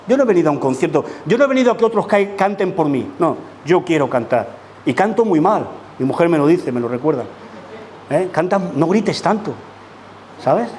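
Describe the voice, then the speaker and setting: A pastor delivers a sermon in church, his high-pitched, slightly mellow voice full of emphasis and rhetorical questions for the congregation. There's some faint background noise.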